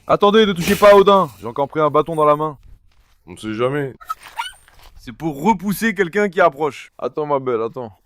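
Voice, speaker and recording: A man's voice: fairly high pitch, expressive, a little fast, a bit bright, a little hiss or hum. A man talking casually to camera while handling his dogs on a farm, coaxing and calling them. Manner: coaxing, calls dogs repeatedly. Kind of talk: casual vlog talk to camera. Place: outdoors on a farm with animals.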